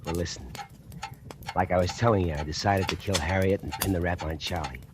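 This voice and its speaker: A man with a low, steady voice plays a factory worker plotting murder, narrating the scheme in a sly, confiding, gloating tone typical of 1940s radio drama. He speaks fairly quickly and only lightly acts it. The old broadcast carries music and a noisy background.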